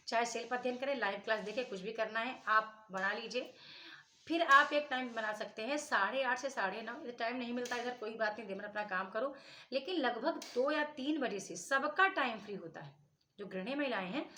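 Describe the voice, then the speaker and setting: A woman's voice: fairly high pitch, pushed and bright, a little hiss or hum. A woman teacher giving study advice in a casual spoken lesson, chatty and repetitive, often checking in with her listeners. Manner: conversational, repeats points, frequent "ठीक है" check-ins.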